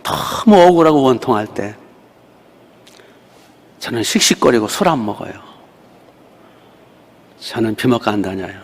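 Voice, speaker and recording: Male pastor, sermon, emotional, gravelly voice, long church reverb. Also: mid-range voice, sing-song, a little slow, long pauses. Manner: emotional, dramatic preaching with sudden loud outbursts. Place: church sanctuary.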